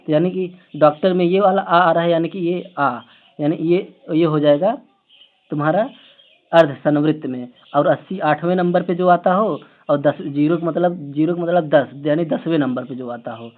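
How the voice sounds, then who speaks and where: A man with a fairly high voice runs an exam-prep grammar lesson online. He walks through memory tricks, keeps firing rhetorical questions and talks aloud as he writes on the screen. The sound is thin and tinny, like a phone line. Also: moderate pace. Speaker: Hindi exam teacher.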